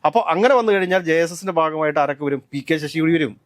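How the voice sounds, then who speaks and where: A man talking politics at a quick clip, his voice sitting a little high. He argues his case and keeps throwing out pointed rhetorical questions. The recording is dry and close, with no room sound. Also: no echo. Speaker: co-host of political discussion. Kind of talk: casual political talk.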